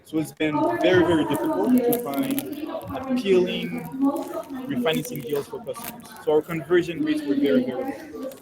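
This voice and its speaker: A man, a startup founder giving a measured conference presentation over a video call. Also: high voice, sing-song, a loud crowd, poor audio. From Haiti. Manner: measured, walks through points in order.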